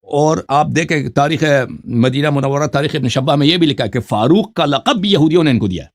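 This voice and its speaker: A man's voice: a little high, lively intonation. A man arguing insistently in a heated debate, lecturing and cutting in.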